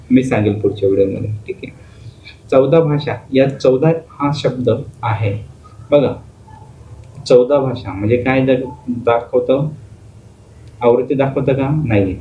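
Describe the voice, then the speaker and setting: Male tutor, exam-prep grammar lesson, self-questioning explainer, thin lo-fi audio with faint hiss. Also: mid-range voice. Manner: explains step by step, asking and answering his own questions. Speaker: teacher. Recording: phone-like lo-fi audio with faint noise.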